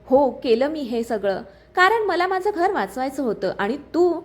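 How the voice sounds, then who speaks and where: A woman voicing a scheming mother-in-law who speaks angrily and loudly. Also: high-pitched, big pitch swings, normal speed. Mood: angry. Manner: angry, shouting.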